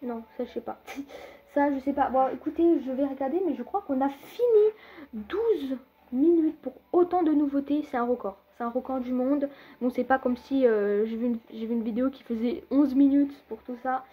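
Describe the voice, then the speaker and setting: A woman's voice: sits high, moderate pace, husky, narrow, tinny audio. A young woman rambling through a casual gameplay commentary, talking straight to her viewers with lots of fillers and hesitations. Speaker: gaming video creator.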